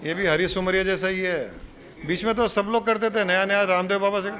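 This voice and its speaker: A man's voice: sits high, steady tone, brisk, pushed and bright. A man speaking as a spiritual guru, giving a casual devotional talk with a folksy, joking storytelling manner.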